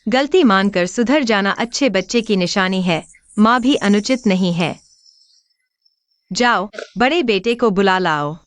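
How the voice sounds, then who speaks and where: A woman's voice: mid-range voice, expressive, a little slow, no room sound, close to an everyday voice. A woman dubbing a scheming middle-aged mother who speaks in a commanding, mocking way. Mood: stern. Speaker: mother of grown sons. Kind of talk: dubbed drama acting.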